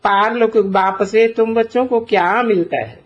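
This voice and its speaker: A man giving a slow spiritual discourse as a teacher, deliberate and posing rhetorical questions to his listeners. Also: sits high. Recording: dull lo-fi recording.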